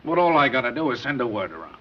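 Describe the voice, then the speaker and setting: An actor playing a slick big-city gangster who bargains with the police in tough street slang. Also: male voice, mid-range voice, sing-song, racing, lightly acted. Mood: pushy, pleading. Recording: dull old 1930s film soundtrack, faint hiss.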